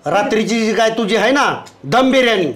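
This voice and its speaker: An actor playing a bossy village son-in-law on a diet who orders the family around. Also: male voice, sits high, expressive, normal speed, a bit bright. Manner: commanding, teasing.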